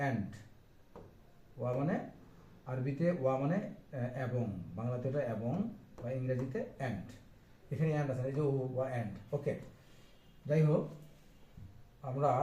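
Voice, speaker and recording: A man's voice: fairly high pitch, darkish tone, echoey room. A man teaching Arabic letters step by step, patient, repeating each point and dropping in English phrases. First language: Bengali. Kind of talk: explaining Arabic letters on a board.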